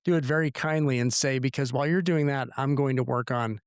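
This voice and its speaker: A man with a gravelly voice talking on a podcast, lively, acting out what others said and stressing points by repeating words. Close, dry studio sound. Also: medium pitch, a little fast, no room sound. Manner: animated, acts out quoted remarks, repeats words for emphasis. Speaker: nurse practitioner podcast co-host. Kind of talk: casual podcast discussion.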